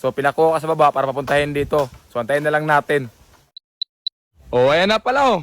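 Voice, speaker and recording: A man's voice: a little high, fast talker, slight background noise. A young adult man hosting a casual vlog, coaxing and repeating short phrases again and again. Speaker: vlogger host.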